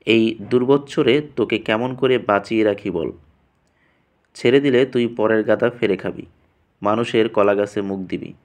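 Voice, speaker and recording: A man voicing a poor, soft-spoken old farmer who pleads tenderly in a storybook reading. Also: on the low side, natural voice.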